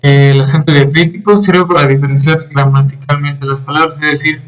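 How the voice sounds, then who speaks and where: A young man giving a class presentation on grammar, reading with halting pauses, fillers and throat clearing. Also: a little high, steady tone, poor audio. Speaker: student presenter.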